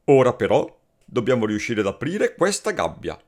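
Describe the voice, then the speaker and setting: A man voicing a friendly, confident female swallow in a storybook tale, coaxing and lively. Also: medium pitch, moderate pace. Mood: encouraging.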